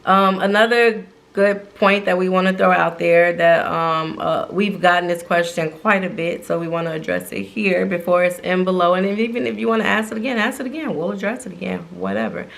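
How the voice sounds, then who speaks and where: A woman's voice: lowish voice, a little fast, creaky, hardly any pauses, fairly bright tone. A woman co-hosting a couple's channel, chatting casually and playfully, often laughing. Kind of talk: casual chat.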